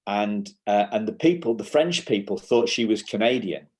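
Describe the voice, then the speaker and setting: A Yorkshire man with a lowish voice and lively intonation is a guest in a conversational interview; he's an educational publisher who also speaks at school workshops. He explains in short bursts, halting with many restarts and fillers.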